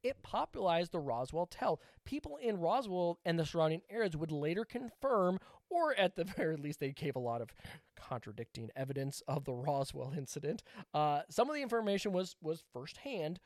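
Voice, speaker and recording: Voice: medium pitch, sing-song, brisk, no echo, clean studio sound. A podcast co-host telling a story in casual chat, rambling and swearing with laughing asides.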